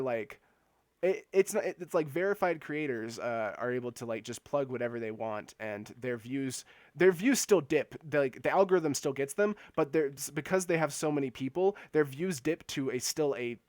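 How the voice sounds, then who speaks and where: This male gaming streamer has a medium-pitched, slightly mellow voice on a dry recording. Playing live, he talks casually with his viewers, laughs a lot, and stammers through repeated words.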